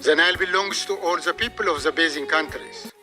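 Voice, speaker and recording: A man's voice: fairly high pitch, brisk, over music. A man giving a prepared advocacy statement in a firm, declarative way.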